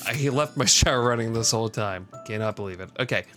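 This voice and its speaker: A man's voice: medium pitch, quick pace, bright, forceful tone, faint music behind. A man streaming a video game, joking and reacting casually to it. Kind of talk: casual gameplay commentary.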